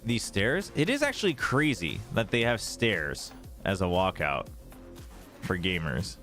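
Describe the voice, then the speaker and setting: Deep-voiced yet very animated, an American man with an East Coast accent speaks at a measured pace in a fairly bright tone. Faint music runs behind him as he hosts an esports watch party, analysing and chatting informally on a casual livestream.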